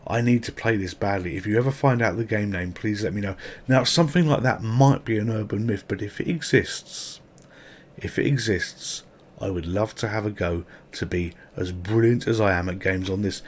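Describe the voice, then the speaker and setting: A man hosting a retro gaming channel, chatting casually and swearing now and then, with a sore mouth. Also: on the low side. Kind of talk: casual gameplay commentary.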